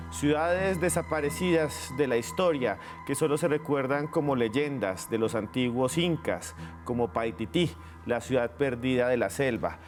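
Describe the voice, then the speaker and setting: A man presenting as host in a dramatic documentary style, with theatrical questions. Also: mid-range voice. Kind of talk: dramatic scripted show introduction, documentary-like presenting.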